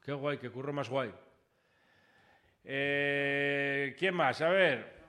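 A man's voice: medium pitch, drawn-out words, bright, forceful tone. A man hosting a casual street interview, joking with people and teasing them to get answers. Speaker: street interviewer, radio host.

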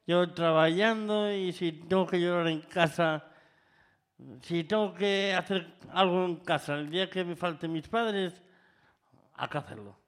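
A man in his forties answers questions in a street interview, stopping and restarting as he goes. His voice sits a little high. He speaks plainly and to the point. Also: unhurried. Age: 40s.

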